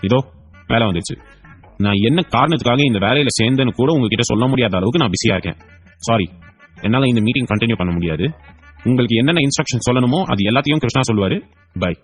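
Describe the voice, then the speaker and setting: A man's voice: mid-range voice, fast, faint music behind, natural voice. A man voicing a breezy, talkative young company boss in an audio story. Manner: playful, talkative, lively delivery.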